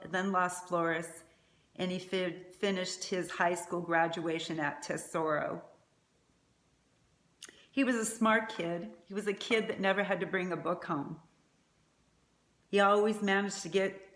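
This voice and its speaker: A woman's voice: fairly low pitch, fairly even intonation, measured pace, a bit bright. A middle-aged woman giving a prepared eulogy as a mother, speaking in a tender, faltering way. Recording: echoey room.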